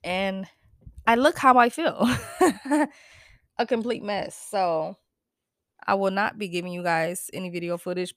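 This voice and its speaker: Recorded cleanly in a studio with no echo, a young American woman speaks in a mid-range voice on her solo podcast. Her stuffy, congested tone carries a casual, emphatic, somewhat preachy style, broken up by lots of laughter.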